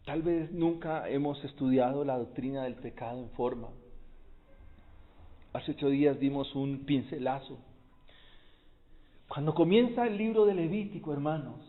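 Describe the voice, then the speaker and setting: Pastor, male, slow deliberate sermon delivery with a high voice and a phone-like sound. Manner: preaching, rising to loud exclamations. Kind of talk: expository sermon. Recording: tinny phone-like recording.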